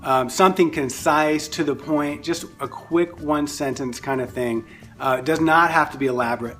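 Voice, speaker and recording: A man explaining step by step how to host short overview videos, in a relaxed, friendly way with frequent fillers, over light music. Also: mid-range voice. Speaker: ministry staff instructor. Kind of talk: casual instructional explanation.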